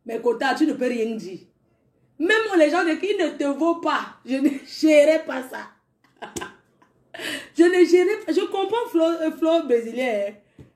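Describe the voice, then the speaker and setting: A woman casually telling a personal story, animated and speaking directly to her listeners. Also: high voice. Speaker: storyteller vlogger. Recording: echoey room.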